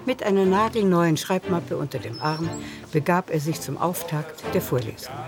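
In a radio play, a narrator reads scripted literary prose at medium pitch and moderate pace, with music playing underneath.

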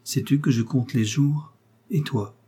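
A man's voice: mid-range voice, unhurried, warm tone, slightly rough, voice pushed up. A man voicing a passionate, restless young woman in a novel reading, pleading and emphatic. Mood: dreamy.

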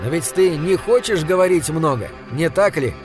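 Cautious neighbor man, voiced by a male reader, soothing, careful, slightly raised pitch. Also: lively intonation, normal speed, music in the background, lightly acted. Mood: placating.

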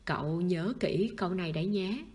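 A woman's voice: on the low side, normal speed, a little mellow, lightly acted. A woman voicing a cold, stern young man who speaks in short, icy lines in a storybook reading. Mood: dry. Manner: curt, icy.

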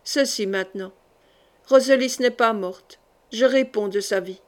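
A woman's voice: a little high, measured pace, natural voice. A woman reading the part of a stern, commanding male sorcerer in an audiobook, speaking with grave authority.

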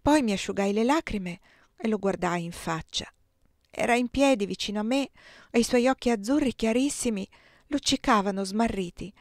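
A woman reading a novel aloud as an audiobook, narrating in the first person at a calm, measured pace. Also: mid-range voice, no room sound, clean studio sound. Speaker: audiobook reader.

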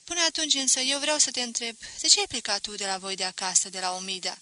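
O femeie dând glas unei tinere triste și hotărâte. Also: female voice, fairly high pitch, steady tone, bright, forceful tone. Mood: earnest. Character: young woman, sad, firm and caring.

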